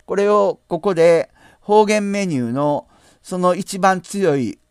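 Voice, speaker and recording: Guy doing a software tutorial, polite and chatty, slightly high voice, dry close sound. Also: smooth, no room sound. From Nara, Japan. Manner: polite, explanatory, drawn-out "desune" asides. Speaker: channel host. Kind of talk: screen-share software tutorial.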